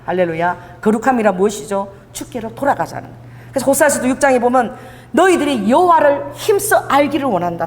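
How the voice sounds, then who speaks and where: A middle-aged woman pastor delivering a lively sermon, leading the congregation to repeat after her and acting out quoted voices. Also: on the high side. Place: church sanctuary. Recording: long church reverb.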